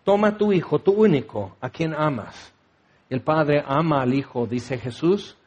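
A man's voice: on the high side, lively intonation, measured pace, darkish tone, highs cut off. A man preaching a sermon, teaching with rhetorical questions and acting out the voices he quotes.

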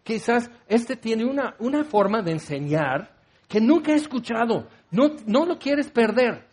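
A man's voice: very high voice, big pitch swings, a little slow, a little mellow, slightly rough. A man preaching a sermon, rambling and joking as he acts out the scene with voices. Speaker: pastor.

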